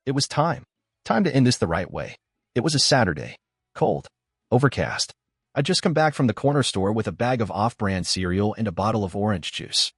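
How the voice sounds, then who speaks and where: Young male narrator, first-person story, lively intonation, dry close sound. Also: lowish voice, moderate pace, husky, no echo.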